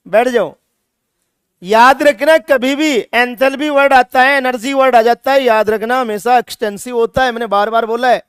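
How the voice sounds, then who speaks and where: High-voiced, scolding chemistry teacher. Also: male voice, clean tone, dry recording, studio quality. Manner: scolding, emphatic, repeats points. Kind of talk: classroom lecture. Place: classroom.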